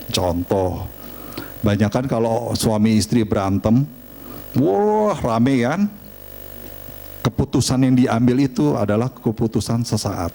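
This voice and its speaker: A middle-aged man, preaching a sermon and telling family stories in an animated, humorous way. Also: mid-range voice, gravelly. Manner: animated storytelling, chatty and humorous. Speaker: pastor.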